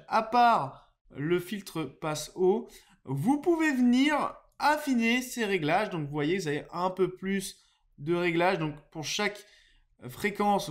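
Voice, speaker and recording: This tech YouTuber's high, fairly bright voice guides a casual screen-share tutorial on the USB desk microphone he's testing at home. He explains hesitantly, leaning on lots of fillers.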